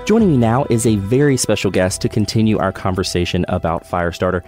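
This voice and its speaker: A man hosting a podcast, reading a measured scripted narration and then asking a guest friendly questions. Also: fairly low pitch, animated, music in the background. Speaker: podcast host.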